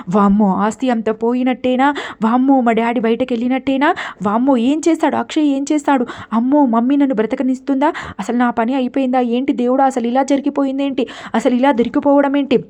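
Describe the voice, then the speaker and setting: A woman's voice: medium pitch, dark tone, natural voice. A woman voicing a scheming young woman who panics and fires off frantic questions in a retold serial scene. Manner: frantic, breathless string of questions.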